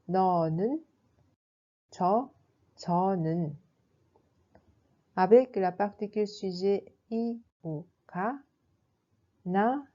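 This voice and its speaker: Female teacher, slow deliberate delivery, warm low-key tone, slightly dull recording. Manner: slow, careful explanation with spelled-out examples. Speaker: language teacher. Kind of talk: scripted lesson narration.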